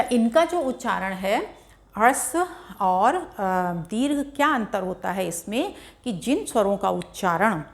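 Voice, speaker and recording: A woman teaching Hindi grammar, explaining vowel sounds and stretching each vowel out to demonstrate its length. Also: medium pitch. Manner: slow, drawn-out vowel demonstrations. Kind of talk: classroom lesson explaining pronunciation.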